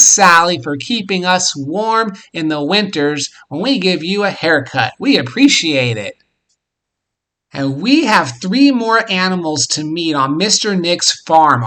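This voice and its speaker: Slow, bright-voiced man talking to toddlers. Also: high-pitched. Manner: speaks as if reading to a toddler, simple and encouraging. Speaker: host of a children's farm show. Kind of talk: educational talk for young children.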